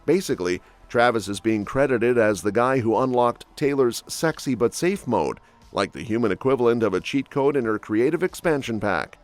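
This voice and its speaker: A man's voice: medium pitch, animated, moderate pace. Snarky male gossip narrator. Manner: snarky, quip-heavy delivery. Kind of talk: scripted entertainment gossip narration. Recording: dry voice-over with soft music bed.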